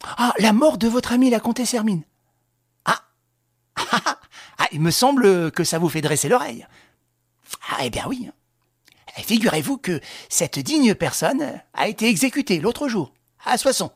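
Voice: medium pitch, big pitch swings, measured pace, pauses often, husky, no room sound, exaggerated voice. Brief: a reader voicing a coldly ironic officer, teasing and sarcastic, close dry sound. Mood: mocking. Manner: mock-friendly, sarcastic teasing. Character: mocking young French officer, coldly ironic.

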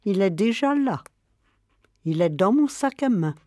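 A woman voicing a calm, patient grandmother. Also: medium pitch, no room sound, studio quality, close to an everyday voice. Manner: gentle, measured, sometimes hushed.

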